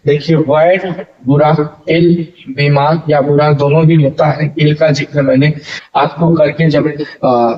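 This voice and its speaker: A man with a Hindi accent lectures on English grammar at a very unhurried pace, repeating words as he explains. His voice sits a little high. The recording sounds dull and lo-fi. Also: little pitch movement. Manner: explains slowly, repeating words and addressing viewers as friends. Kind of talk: classroom lecture.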